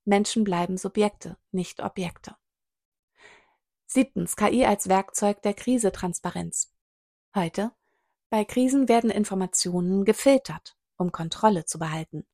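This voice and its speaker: A woman's voice: mid-range voice, a little slow, darkish tone, no echo, clean studio sound. A woman reading a prepared text aloud in short, clipped fragments, with occasional brief asides of her own.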